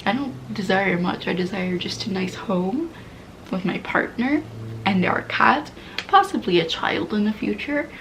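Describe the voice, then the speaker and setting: A woman's voice: mid-range voice, measured pace, a bit bright, slight background noise, rough recording. A woman in her twenties candidly venting, rambling and swearing casually, often dropping into half-whispers. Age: 20s. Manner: swears casually, laughs at herself. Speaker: vlogger. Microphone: poor-quality mic.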